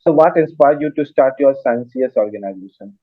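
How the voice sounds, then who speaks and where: Male interviewer on a video call, mid pitch, earnest and halting, thin phone-like sound, dry. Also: expressive, no echo. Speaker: interviewer, host. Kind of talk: casual interview talk.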